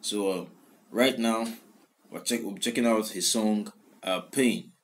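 A young adult man hosts a song reaction from a small indoor room while the track plays behind him. He talks casually and unhurriedly in a lowish voice, full of fillers and restarts as he repeats the lyrics back, with slight background noise.

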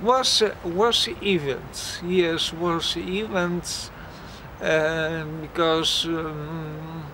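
A young man from Poland speaking slow, hesitant English as a second language, full of fillers, as a volunteer interviewed outdoors on a playground. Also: a little high, fairly even intonation, noisy background. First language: Polish. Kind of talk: halting interview answers.

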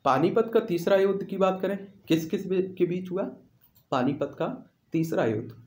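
This instructional quiz walkthrough features a man with a high-pitched, slightly mellow voice at normal speed. He repeats exam questions and their answers for emphasis, and the room audibly echoes.

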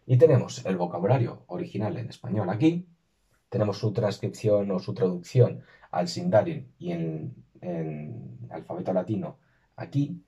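Low dark-voiced man teaching. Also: slightly rough, muffled recording. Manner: careful, slows and stresses words when modelling pronunciation. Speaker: language teacher. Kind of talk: screen-recorded lesson narration.

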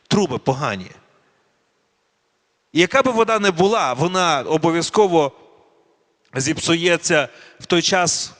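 A man's voice: a little high, fairly bright tone. Man preaching in an echoing hall. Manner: slow, deliberate, asks the audience questions. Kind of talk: sermon. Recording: long reverb of a hall.

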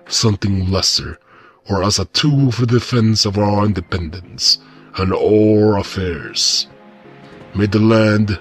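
A man through a voice changer as a stately national leader. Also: on the low side. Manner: solemn, declamatory. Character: stately male leader of a united island nation. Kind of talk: formal national address.

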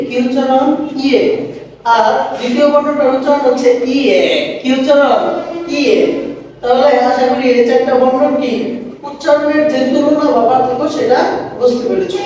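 Woman teacher with a slightly high voice, running repetitive question-and-answer drills, recorded from a distance with faint background noise. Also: darkish tone. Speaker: language teacher. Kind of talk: classroom-style language lesson. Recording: very echoey room, voice away from the mic.

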